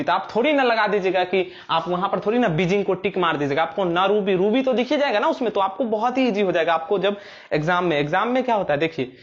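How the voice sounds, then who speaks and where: Here a young man with a high-sitting voice walks through memory tricks for exams, spinning playful stories and performing little scenes in rustic dialect, all on a recording missing its highs.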